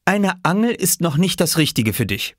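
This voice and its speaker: Storybook audiobook: a man playing a firm, admonishing mother, pitched up. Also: big pitch swings, normal speed, fairly bright tone, no room sound, studio quality, full character voice. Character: strict, sensible mother.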